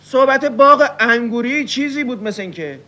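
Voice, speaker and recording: A sly male animal sighs and strings out his directions in a very high, squeaky voice. The old television audio sounds dull and muffled. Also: lively intonation, sharp tone, full character voice. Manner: sighing, drawn-out repetitive directions. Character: sly scheming animal, male, eager to be rid of everyone.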